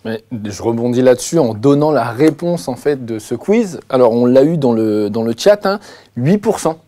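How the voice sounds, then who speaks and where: A man moderating an online webinar, asking questions in a lively, joking way with fillers. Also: mid-range voice, moderate pace.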